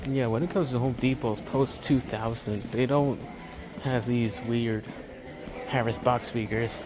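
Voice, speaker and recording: Here an amateur filmmaker, medium-pitched and fairly even in tone, talks a little slowly as he wanders a large hardware store. His commentary is rambling and improvised, the enthusiasm of a hobbyist recording for a video, while the store's music plays behind him.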